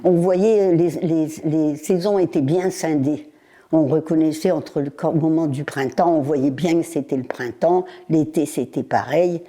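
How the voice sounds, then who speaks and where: Interviewee, woman in her nineties, low, mellow voice, halting, unhurried recollection. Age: 90s. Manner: halting, with pauses, fillers and repeated words. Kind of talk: recalling her childhood in an interview.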